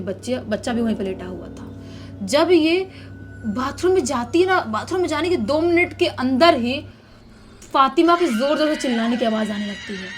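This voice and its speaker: Woman narrating a horror story. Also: a little high. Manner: casual, conversational retelling. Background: faint music.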